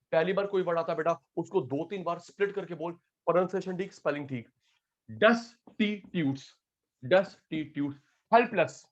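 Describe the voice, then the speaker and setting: High-voiced joking male teacher. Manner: calls students by name, joking, drills terms. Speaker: economics teacher. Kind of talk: online class lecture. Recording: dull lo-fi audio.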